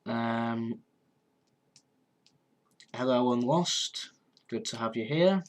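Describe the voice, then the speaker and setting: On a live stream, a sniffly, congested man in his twenties chats casually and responds to comments. His mid-range voice rambles, catching on ums and restarting sentences, with slight background noise in the audio.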